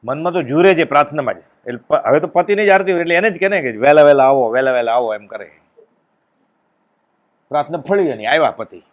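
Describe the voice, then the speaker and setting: Animated man telling a devotional story. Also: a little high, a little fast, long pauses. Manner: animated storytelling, acting out dialogue with sudden loud exclamations. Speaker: spiritual discourse speaker.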